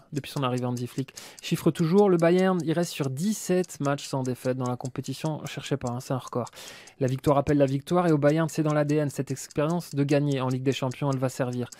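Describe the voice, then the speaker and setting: A man's voice: mid-range voice, dark tone. A man narrating a footballer's story and arguing his case as a pundit, punchy and story-driven. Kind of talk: scripted narration and argument.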